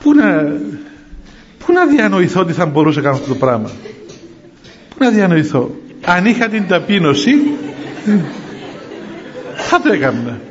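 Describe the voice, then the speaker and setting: A man, a monk, preaching through stories in a lively way, chuckling often and asking rhetorical questions. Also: high voice, long pauses, a faint crowd. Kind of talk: storytelling sermon. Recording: dull lo-fi recording.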